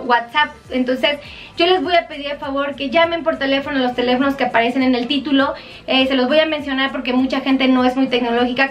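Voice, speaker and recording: Earnest high-voiced Mexican woman doctor. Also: a bit bright, far from the mic. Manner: earnest, pleading, heartfelt. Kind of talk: live-stream health advice to viewers.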